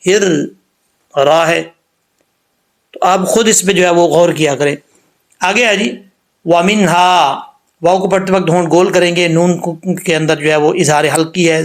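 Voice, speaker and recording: A man teaching Quran recitation rules, explaining letter by letter and slowly drawing out the recited words. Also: sits high. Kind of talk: tajweed lesson with slow recitation.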